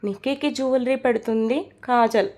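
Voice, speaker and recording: Woman storyteller, storybook narration, fairly high voice, mellow, steady expressive reading. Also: brisk.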